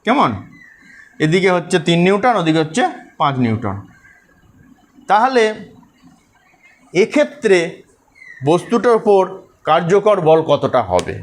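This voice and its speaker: A man with a high voice gives a school physics lesson. He goes through each step with care and keeps checking that his pupils follow. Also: sing-song, measured pace, long pauses. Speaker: teacher.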